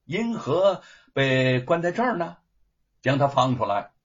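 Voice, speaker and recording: Man voicing an unhurried upright official. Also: medium pitch, sing-song. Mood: puzzled. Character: upright older male official, measured. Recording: dull lo-fi recording.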